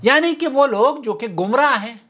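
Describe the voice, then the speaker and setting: High-voiced male preacher explaining earnestly. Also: expressive, pushed and bright, slightly rough, dull audio. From South Asia. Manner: earnest explanatory tone, addresses "brothers and sisters". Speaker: Islamic preacher. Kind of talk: religious lecture in Urdu.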